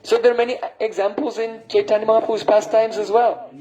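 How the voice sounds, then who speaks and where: A man's voice: high-pitched, flat delivery, quick pace, dark tone, low-quality recording. A man, a spiritual teacher, giving a devotional lecture and often checking in with his listeners with a questioning "hmm?". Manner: breaks into sung and chanted verses.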